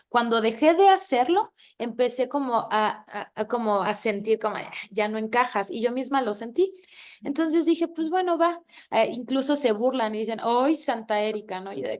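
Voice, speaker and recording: A woman hosting a faith-based reading circle, chatty and animated, laughing often and calling her listeners friend. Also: a little high. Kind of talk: faith-based casual talk to a reading group.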